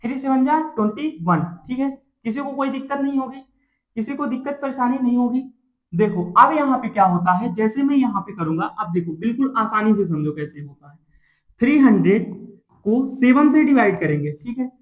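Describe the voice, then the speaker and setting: A man's voice: extremely high pitch, expressive, moderate pace, rough recording. A man teaching a math lesson to a class, asking questions and answering them himself, repeating each step and checking in often.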